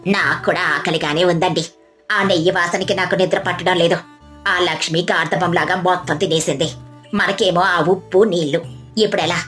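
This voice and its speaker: A woman voicing a stingy wife who grumbles in a low voice. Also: steady tone, moderate pace, a bit bright, soft background music, close to an everyday voice. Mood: grumbling. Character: stingy wife, sulky and hungry.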